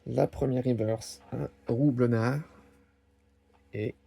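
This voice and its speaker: This unboxing host has a mid-range, dark, steady voice with some vocal fry. He chats casually while opening trading card packs, slowly naming each card in turn amid the crinkle of wrappers.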